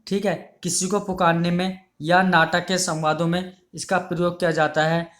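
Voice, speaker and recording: Male teacher, slightly high voice, online class, patient explaining, repeats terms, checks in with students. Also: level tone, moderate pace, a bit bright. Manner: ends phrases with "ठीक है" checks. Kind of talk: online exam-prep lesson.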